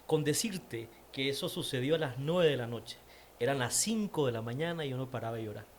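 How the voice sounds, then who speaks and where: A man's voice: medium pitch, lively intonation, brisk, slight background noise. A man with a Nicaraguan accent, an interview guest giving a personal faith testimony, repeating words for emphasis. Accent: Nicaraguan Spanish.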